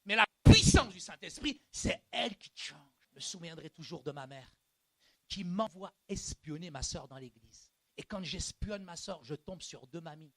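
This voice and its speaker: Animated high-voiced male preacher. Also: moderate pace. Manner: animated, swings from hushed to shouting; colloquial street slang. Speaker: pastor. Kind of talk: sermon. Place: church.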